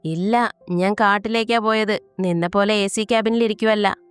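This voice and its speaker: A woman's voice: mid-range voice, steady tone, normal speed, smooth, no room sound, soft background music, natural voice. A woman reading as a teasing, doting young husband. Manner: playful, teasing.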